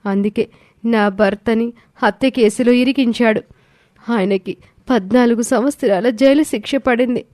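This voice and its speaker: A gentle young mother worn down by cruelty, played by a woman, pleading and sorrowful. Her voice sits fairly high, and the storybook recording is dry. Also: measured pace, no room sound, lightly acted. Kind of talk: storybook voice acting.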